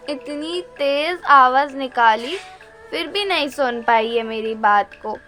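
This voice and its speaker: A woman's voice: sits high, animated, takes it slowly, faint music behind, full character voice. A woman playing a nagging older mother-in-law with a sore throat who keeps coughing and scolding in a comic family skit. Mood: grumbling. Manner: complaining, scolding, calls out loudly.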